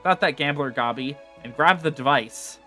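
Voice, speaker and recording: A man reading out a gruff, rough-spoken male sea rogue in a folksy slangy dialect. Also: fairly high pitch, moderate pace, sharp tone, faint music behind. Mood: encouraging.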